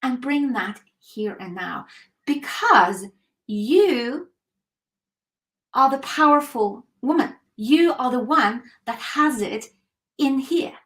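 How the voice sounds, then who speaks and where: Speaking slowly in a high-pitched, fairly bright voice with lively intonation, a webinar host coaches a live call. She's earnest and emphatic, leaning on rhetorical questions to motivate, and keeps clearing her throat.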